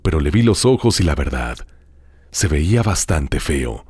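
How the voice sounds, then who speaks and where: A man hosting a show, reading listener horror stories aloud in a dramatic, hushed storytelling manner with drawn-out pauses. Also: very deep voice, very animated, slightly rough, dry recording. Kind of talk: scripted horror narration.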